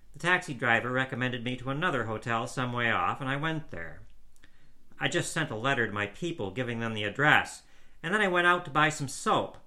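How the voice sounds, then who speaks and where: A man reading a story aloud, voicing a stranded young man who pleads his case in a hurried, eager way. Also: medium pitch, sharp tone.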